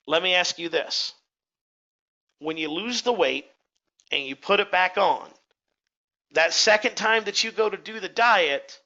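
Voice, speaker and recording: A man's voice: high-pitched, bright, forceful tone, lo-fi sound. A man hosting a motivational webinar, talking conversationally and putting direct questions to his audience. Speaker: webinar host.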